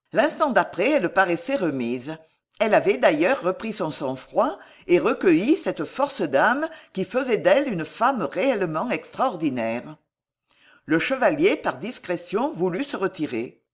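Brief: woman narrator, dramatic audiobook read, lively melody. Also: lowish voice, husky. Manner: expressive, dramatic. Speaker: audiobook reader. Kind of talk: scripted narration.

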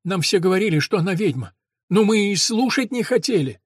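A man reading an audiobook, voicing a heavy, half-mad drunk man who begs and rants in a loud, strained voice. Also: high-pitched, animated, a little fast, breathy edge, no echo, clean studio sound, pitched above the performer's own voice. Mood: pleading. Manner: wailing, begging, half-mad. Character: heavy drunk older man, pleading and frantic. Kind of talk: audiobook character voice.

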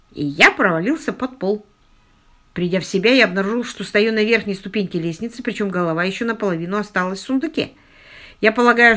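A woman's voice: a little high, a bit bright. Woman doing a wry banged-up young englishman in an audiobook, jokey and self-mocking. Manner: ironic, lightly self-mocking. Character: battered, wry young Englishman, joking despite injuries.

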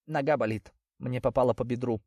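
Guy doing a plucky teasing young wife, a bit higher voice, dry sound. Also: brisk, darkish tone, no room sound, close to an everyday voice.

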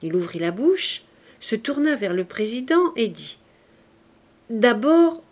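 A woman narrating a classic novel audiobook in a steady, even manner. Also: mid-range voice, moderate pace. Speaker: audiobook reader. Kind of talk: scripted narration.

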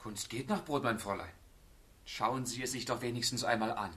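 The same lovesick young gentleman of a German radio drama is voiced by an actor with a husky, mid-range voice and a fervent, confiding delivery. This time he moves briskly, in a playful, hushed mood.

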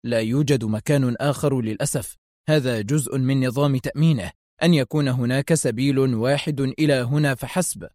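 A man's voice: medium pitch, brisk, darkish tone, no echo, studio quality, natural voice. A man reading aloud and voicing a tense, alarmed male doctor who exclaims in agitation.

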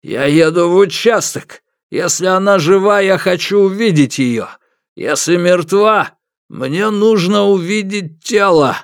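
A man voicing a drunk, desperate middle-aged father who talks in hoarse, breathless outbursts. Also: high voice, a little slow, no room sound, studio quality, voice pushed up. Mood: frantic.

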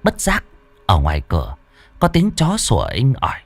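A man's voice: sits low, huge pitch swings, moderate pace, creaky, background noise. Dramatic male horror-story narrator.

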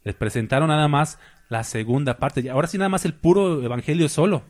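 A man preaching a sermon in a church hall, animated, asking rhetorical questions and acting out scenes. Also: a little high, brisk.

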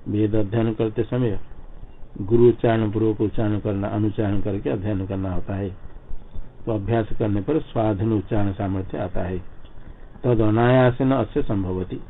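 A man teaching scripture as a lecture. He recites each verse slowly and then explains it word by word. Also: on the low side. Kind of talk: line-by-line scripture commentary lecture. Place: ashram classroom. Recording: phone-like lo-fi recording with faint noise.

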